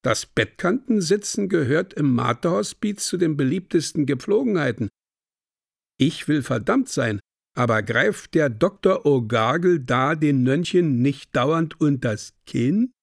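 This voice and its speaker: A man's voice: fairly high pitch, lively intonation, unhurried, creaky, no room sound, studio quality, exaggerated voice. A man doing a sly, gossiping drinking companion. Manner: sly, gossiping, swearing oaths.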